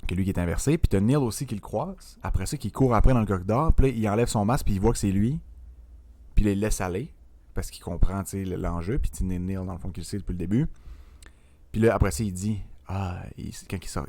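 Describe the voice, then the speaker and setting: Young Quebec podcast co-host, man, low voice, quick and excitable, lots of fillers, dry recording. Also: dry recording. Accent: Quebec French. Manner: animated, filler-heavy, mixes in English words. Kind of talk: casual film discussion.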